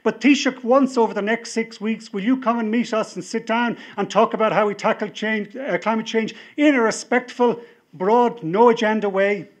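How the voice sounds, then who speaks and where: With a high voice at a moderate pace, a middle-aged man from Ireland speaks as party leader at a political convention. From a podium microphone in a large indoor hall full of seated listeners, he gives a rousing speech that builds to emphatic appeals.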